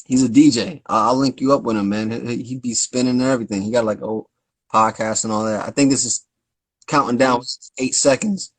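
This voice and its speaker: A man hosting a casual live-stream interview, telling stories in an excited, rambling way. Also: mid-range voice, fairly quick, no echo, poor audio. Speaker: host. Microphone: phone on a live stream.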